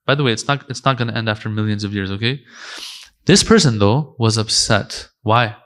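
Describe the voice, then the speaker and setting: A man's voice: lowish voice, brisk, fairly bright tone. A middle-aged man gives a religious lecture at a conference. His delivery is loose and conversational, full of jokes and slangy asides. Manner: informal, joking, slangy asides. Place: lecture hall.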